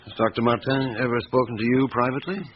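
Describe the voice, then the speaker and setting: An actor in a radio drama playing a shrewd, persistent chief inspector who questions in a blunt, businesslike way. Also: male voice, mid-range voice, flat delivery, quick pace, lightly acted. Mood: businesslike, curious. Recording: dull radio recording with background hiss.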